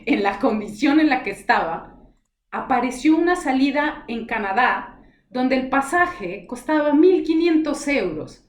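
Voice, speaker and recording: A woman's voice: high voice, lo-fi sound. Earnest woman telling her story, roomy echo. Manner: earnest, emotional storytelling, acts out dialogue. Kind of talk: personal testimony in conversation. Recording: roomy echoey sound.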